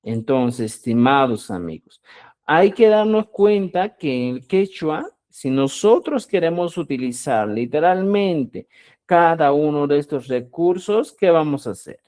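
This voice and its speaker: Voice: medium pitch, expressive, measured pace, a little mellow. A teacher giving a live online language lesson, who asks the class questions, answers them, and draws out key words for emphasis. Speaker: Quechua teacher.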